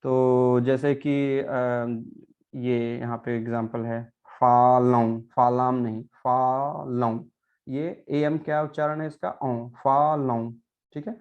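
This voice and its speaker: A male teacher walks his class through pronunciation, repeating each example word slowly and checking that they follow. His voice sits at an ordinary middle pitch. The recording sounds a little dull and lo-fi. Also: steady tone, darkish tone. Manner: patient, repeats words slowly and adds frequent "है ना" checks. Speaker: Portuguese language teacher.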